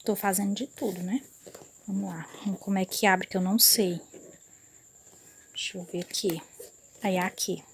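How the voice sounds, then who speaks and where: A woman, chatting excitedly as she unboxes something in a casual home vlog on her phone, often dropping to a murmur. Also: mid-range voice, moderate pace, vocal fry, long pauses, background noise. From Northeast Brazil. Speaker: vlogger. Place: indoors, on a bed at home. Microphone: phone camera.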